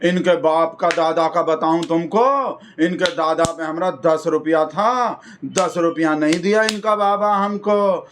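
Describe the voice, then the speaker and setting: A man mimicking a pompous neighborhood man who makes a slow, declamatory flag-day speech full of slanderous taunts. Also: fairly high pitch, a bit bright, slight background noise.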